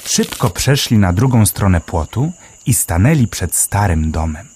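A man reading a children's story aloud with gentle, expressive narration. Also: lowish voice, a little slow, slightly rough.

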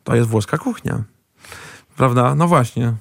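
A man chatting as a guest expert in a rambling way, often pausing with fillers and tagging questions onto his sentences. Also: medium pitch, vocal fry, dry recording, studio quality. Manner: frequent hesitant fillers and restarts. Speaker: guest expert on Italian food. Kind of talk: casual chat.

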